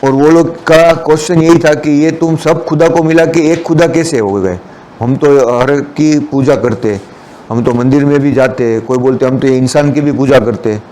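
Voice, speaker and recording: A man's voice: mid-range voice, fairly even intonation, moderate pace, a little mellow. A man giving a Friday sermon, explaining the meanings of scripture words and mixing in English terms. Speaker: preacher.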